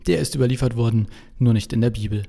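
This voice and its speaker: A man's voice: medium pitch, fast, gravelly, mellow. Jesus, smug hot-headed son of God, voiced by a man. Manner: self-assured, boastful. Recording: long reverberant echo.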